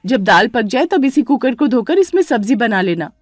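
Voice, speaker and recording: A woman voicing a bossy, scheming elder daughter-in-law in a dramatized story, talking loud and complaining. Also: on the high side, big pitch swings, normal speed, no room sound, studio quality, faint music behind. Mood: shrill, indignant.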